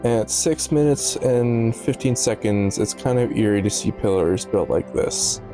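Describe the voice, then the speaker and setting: Over background music, a man speaks in a mid-range voice at a measured pace. His video commentary is analytical yet casual, delivered in a musing, somewhat stumbling way with passing asides.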